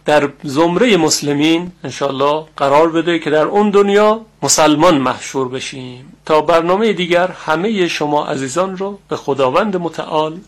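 A middle-aged man teaching Quran recitation and meaning, speaking slowly and deliberately and repeating Arabic words to model their pronunciation. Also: a little high. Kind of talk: religious lesson on recitation and meaning.

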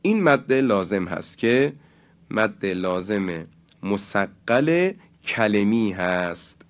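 Slow, deliberate male recitation teacher. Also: lowish voice, lively intonation, lo-fi sound. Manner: slow, deliberate, stretches example words. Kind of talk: religious lesson.

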